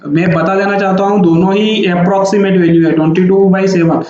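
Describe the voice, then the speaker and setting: A man's voice: sits high, steady tone, brisk, darkish tone, slight background noise. A man teaching a maths lesson, explaining patiently and repeating each point with frequent checks. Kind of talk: classroom-style math lecture. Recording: very echoey, dull lo-fi room sound.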